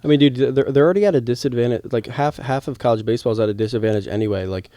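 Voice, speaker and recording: A man's voice: mid-range voice, very fast, dark tone, no room sound, studio quality. A young man co-hosting a casual sports podcast. He rambles heatedly and restarts his sentences often. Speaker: podcast co-host, former college baseball player.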